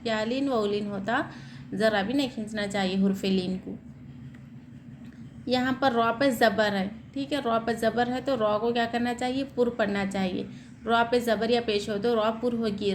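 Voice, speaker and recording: A woman teaching Quran reading, asking questions and answering them herself, then spelling out and reciting words slowly. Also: a little high, slight background noise. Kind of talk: step-by-step recitation lesson.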